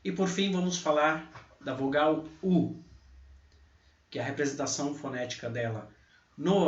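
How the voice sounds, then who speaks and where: A man teaching a pronunciation lesson, slowly repeating example words out loud. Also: fairly high pitch. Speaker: English teacher. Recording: echoey, distant, dull mic.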